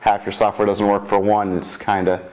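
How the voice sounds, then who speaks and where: Speaking at a normal speed in a lowish, darkish, flat voice, a man in his twenties talks informally about his project in an interview. He's a computer science student developer who keeps rephrasing himself partway through sentences.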